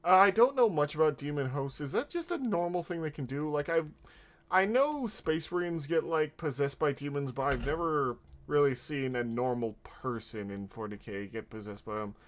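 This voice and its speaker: This half-Mexican man, a vtuber, talks casually over a gameplay video he's reacting to, meandering and stumbling as he fixes what he says. His voice sits on the high side and moves at a moderate pace.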